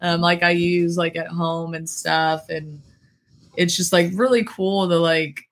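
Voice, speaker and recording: A woman's voice: on the low side, a little slow. A young woman, a guest singer, chatting casually and telling stories full of "like" and quoted voices. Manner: chatty, lots of "like", quotes people in lively voices. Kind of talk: casual podcast chat.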